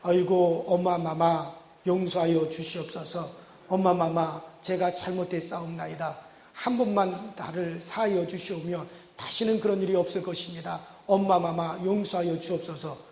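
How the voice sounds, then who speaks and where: A man's voice: sits high, steady tone, moderate pace, darkish tone. A male pastor playing a cheeky young son who begs his mother's pardon in exaggerated old royal-court speech. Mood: mock pleading. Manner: exaggerated archaic courtly pleading. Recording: reverberant church hall.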